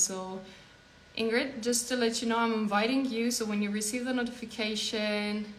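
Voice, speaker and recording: A woman's voice: mid-range voice, fairly bright tone. A woman hosts a casual live stream, chatty and filled with ums. Her voice carries a roomy echo over a faint hum, as if she is talking into a phone indoors. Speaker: host.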